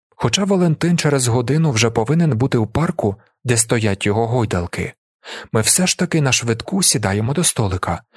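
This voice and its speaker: A man reading a novel aloud as narrator, expressive and lively. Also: mid-range voice, slightly rough, dry recording, clean studio sound. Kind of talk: audiobook narration.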